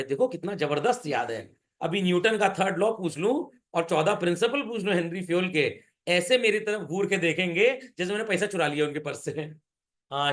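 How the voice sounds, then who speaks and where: Lively high-voiced male teacher. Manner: animated, joking, keeps asking "Is that clear?". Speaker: commerce teacher. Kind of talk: classroom lecture.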